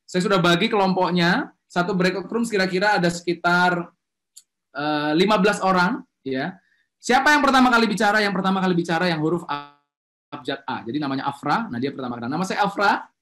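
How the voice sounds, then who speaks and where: A quick-talking man with a fairly high voice leads an online webinar as a communication trainer. He keeps pressing the audience to speak up, lively and coaxing, and the sound comes through a video-call mic. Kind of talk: energetic online webinar presentation.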